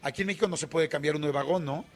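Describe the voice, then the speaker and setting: A man's voice: fairly high pitch, very fast. A man with a Mexican Spanish accent, hosting a radio show and telling a vivid anecdote in a chatty, casual way. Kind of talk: casual on-air storytelling.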